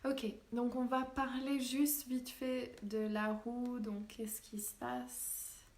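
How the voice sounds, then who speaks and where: A woman with a Québécois accent, a spiritual healer hosting a live stream in soft, gently enthusiastic casual chat. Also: a little high, level tone. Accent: Québécois French. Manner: soft, unhurried, gently enthusiastic with frequent laughs.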